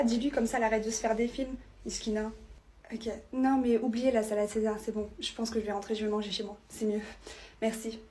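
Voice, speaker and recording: A woman's voice: a little high, a little mellow. A young woman performing comedy skits as bickering teenage girls, sassy and full of slang. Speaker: comedy sketch creator. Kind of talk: acted comedy skits playing teen girls.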